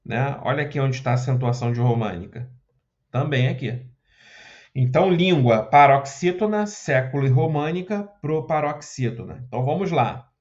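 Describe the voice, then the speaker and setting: A man's voice: mid-range voice, normal speed, a little mellow, muffled recording. A man teaching Portuguese grammar for an exam, explaining step by step and often checking in with short questions. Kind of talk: exam prep lesson walking through questions.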